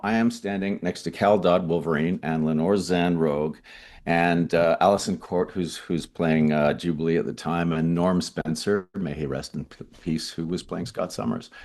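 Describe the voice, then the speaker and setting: Deep-voiced man telling animated stories. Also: moderate pace. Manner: animated anecdotes with stammered restarts. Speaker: voice actor guest. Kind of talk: interview storytelling.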